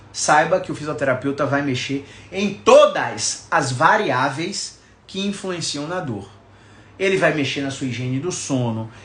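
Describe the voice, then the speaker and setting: A Brazilian man in his thirties, a physiotherapist giving a casual, emphatic live talk to a few listeners, deliberately shifting his intonation. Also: a little high, a bit bright, reverberant. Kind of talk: informal live talk to a small online audience.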